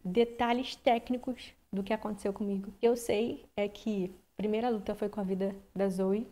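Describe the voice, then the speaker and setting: A woman's voice: medium pitch, fairly even intonation, normal speed, warm tone. A woman from Brazil telling a personal story in a candid, conversational vlog, with many restarts. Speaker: vlogger.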